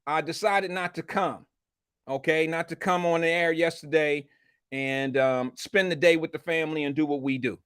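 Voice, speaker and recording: A man with a fairly high voice hosts a casual livestream. He speaks with a retainer in his mouth, in blunt, slangy and profane chat aimed at his viewers. The sound is dry, with hardly any room on it. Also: fairly even intonation, moderate pace, fairly bright tone, smooth, dry recording. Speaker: live show host.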